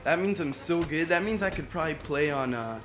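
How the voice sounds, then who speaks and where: A man's voice: a little high, lively intonation, fairly quick, music in the background. A young man giving casual let's play commentary, playful and boastful, often exclaiming as he plays. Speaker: gamer.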